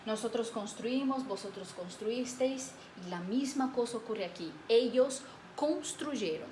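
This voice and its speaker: A woman's voice: on the high side, darkish tone. Patient woman teacher, roomy echo. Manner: patient, drills conjugations slowly, checks in with "¿ok?". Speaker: Spanish teacher. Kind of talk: video lesson. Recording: roomy echo, faint background hiss.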